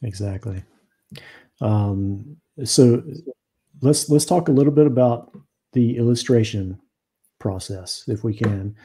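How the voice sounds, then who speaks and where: A man hosting an interview over a video call, asking questions in a halting way with many fillers. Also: mid-range voice, warm tone, slightly rough. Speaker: show host.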